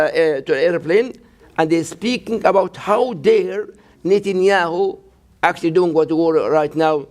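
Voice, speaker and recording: At a mosque event, a high-pitched imam from Gaza, Palestine, in his 60s, recounts his personal story as an interview guest. He speaks halting, broken English with many restarts.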